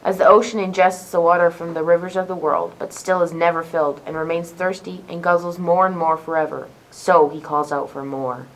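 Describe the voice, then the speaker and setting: Low-voiced woman narrating a myth. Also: steady tone, poor audio. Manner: measured, vivid storyteller. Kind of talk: dramatic storytelling narration.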